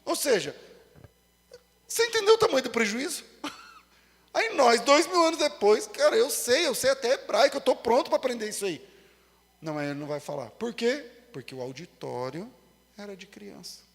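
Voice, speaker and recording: A man preaching a sermon with a Brazilian Portuguese accent. He moves between loud emphasis and quiet asides and acts out quoted voices with humor. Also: extremely high pitch, sing-song, moderate pace, gravelly, big-room sound. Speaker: pastor.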